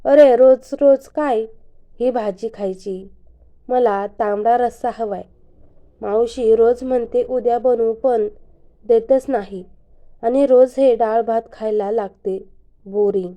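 Brief: pouty, demanding young woman, read by a woman narrator, slow and mellow. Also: a little high, steady tone. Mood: pouting playful. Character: playful, stubborn young woman who sulks.

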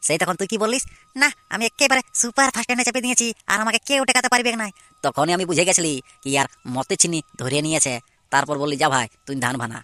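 Someone voicing a fast-talking village know-it-all. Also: medium pitch, sharp tone, dry recording, close to an everyday voice. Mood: lecturing. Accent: Purulia Bengali. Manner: lecturing, quick. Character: know-it-all village friend, older boy.

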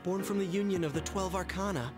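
A young man voicing a calm, mysterious young figure in a video game, speaking in a measured, grave way. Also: high voice, lightly acted. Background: game music.

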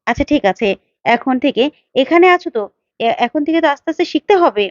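A woman voicing a gentle father who coaxes his daughter to speak politely. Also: sits high, expressive, fast, no echo, highs cut off. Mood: coaxing. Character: gentle older father, mildly scolding.

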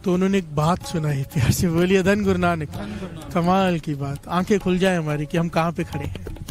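A man giving a devotional sermon with a North Indian accent, telling a story and calling out a repeated refrain to the congregation. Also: high-pitched. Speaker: preacher.

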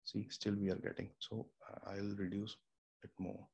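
A young man with an Indian accent talks a little slowly in a low, level, darkish voice that's creaky and slightly rough. Hosting a casual screen-share tutorial, he explains home recording step by step, with many fillers and restarts. His studio mic, fed through an audio interface in a small room near an air conditioner and fridge, has the highs cut off and picks up faint room hum.

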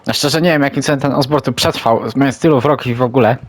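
A man commentates casually on a video game. He talks quickly at a medium pitch, musing aloud in a chatty way. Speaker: let's play commentator.

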